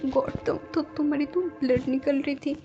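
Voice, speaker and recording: A woman's voice: sits high, fairly even intonation, normal speed, dark tone, dull audio, soft background music, voice pushed up, close to an everyday voice. A woman voicing a frightened young lover who pleads and stammers. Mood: panicked.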